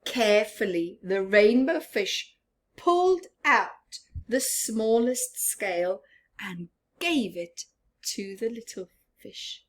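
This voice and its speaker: A woman reading a children's storybook aloud expressively, with chatty asides and often hushed tones. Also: mid-range voice, animated, slow. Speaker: storyteller, teacher-like reader.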